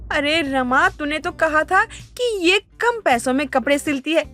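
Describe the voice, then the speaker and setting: A woman voicing a quick-tempered middle-aged mother in a cartoon story, haggling and indignant. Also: high voice, expressive, pushed and bright, exaggerated voice.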